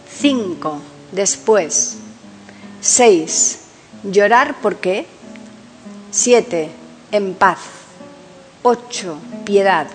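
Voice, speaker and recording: A woman hosting a podcast, reading a scripted introduction and biographical narration in a measured, announcer-like way. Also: mid-range voice. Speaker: podcast host. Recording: long reverb, guitar music underneath. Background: guitar music.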